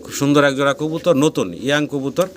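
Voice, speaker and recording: Here a pigeon seller channel host, speaking with a Bangladeshi Bengali accent, rattles through a sales tour of his farm in a fairly high voice with little pitch movement. Prices get repeated and blessings come often for every pair, over a noisy background of cooing birds.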